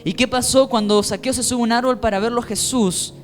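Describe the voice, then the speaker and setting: A man with a Rioplatense Spanish accent, a pastor preaching a sermon in an animated storytelling way, acting out the voices he quotes. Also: extremely high pitch, a little fast, faint music behind.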